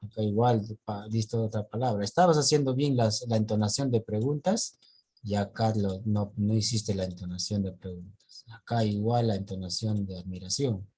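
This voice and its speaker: Husky guy teacher on a video call going over reading mistakes one by one. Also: lowish voice, moderate pace, dark tone. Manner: corrects students' reading point by point. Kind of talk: online reading class feedback.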